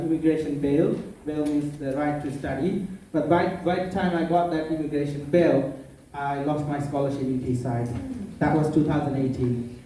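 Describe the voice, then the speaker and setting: Young Bangladeshi man, a bit high-voiced, earnest public speaker; distant mic, faint room hum. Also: mellow. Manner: earnest, non-native phrasing, playful asides. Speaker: conference keynote speaker. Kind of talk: public speech. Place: conference room. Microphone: far from the mic. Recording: echoey room, mic far off.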